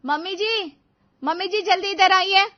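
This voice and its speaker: A woman's voice: a little high, a little fast, dry recording, natural voice. A woman voicing a lazy, spoiled young bride who answers in a bratty, dismissive whine, on a dull, dry recording. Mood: bossy.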